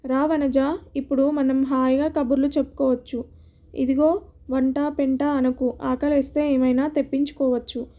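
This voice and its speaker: A woman's voice: high voice, little pitch movement, moderate pace, warm tone, lightly acted. Woman reading a bossy, caring friend. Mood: chatty. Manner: teasing, then scolding. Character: caring outspoken middle-aged woman friend.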